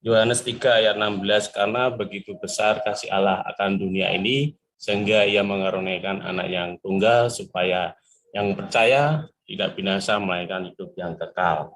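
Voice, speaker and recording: A man's voice: fairly low pitch, normal speed, a bit bright, low-quality recording. A man politely asking a pastor about two Bible verses, reading the passages aloud and asking for explanation. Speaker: questioner.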